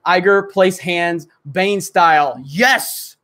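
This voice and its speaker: There's a slight hiss or hum behind this man's high-pitched, sharp voice as he talks slowly. Hosting a casual livestream, he rambles with many fillers while reading and answering super chats.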